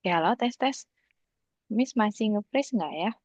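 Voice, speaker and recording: A woman's voice: mid-range voice, lively intonation, a little slow, no room sound. A woman tutor chatting over a video call whose audio stutters and buffers, repeating herself to check the connection. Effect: choppy buffering video-call audio. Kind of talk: online class small talk. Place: outdoors.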